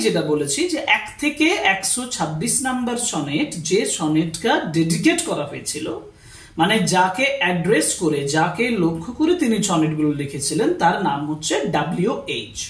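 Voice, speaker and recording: A teacher with a West Bengal accent talks students through a literature lesson, spelling out words letter by letter and pausing to ask if they follow. The voice rises and falls lively. It sits back from the mic in a roomy space with noticeable echo. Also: mid-range voice, far from the mic. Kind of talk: exam-prep literature lesson.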